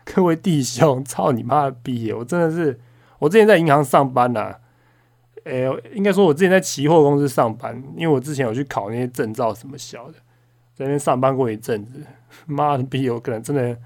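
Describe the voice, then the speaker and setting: A man's voice: mid-range voice, a little fast, a little mellow. A young man hosting a podcast, telling a story in a casual, heated rant full of swearing. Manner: swears constantly, heated and indignant; frequent fillers and restarts, storytelling. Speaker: podcast host. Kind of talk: casual ranting monologue.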